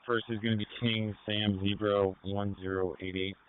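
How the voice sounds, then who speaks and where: A man's voice: on the low side, level tone, moderate pace. A man on patrol answering over police radio with terse call signs and short replies. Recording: tinny radio with faint static.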